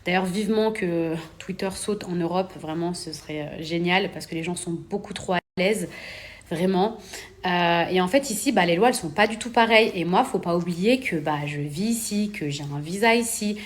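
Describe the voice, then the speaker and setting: A woman's voice: on the low side, moderate pace. Indignant young woman venting to her followers. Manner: indignant, emphatic, repeating words for stress; rising to heated outbursts. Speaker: influencer addressing her followers. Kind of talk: casual monologue to camera.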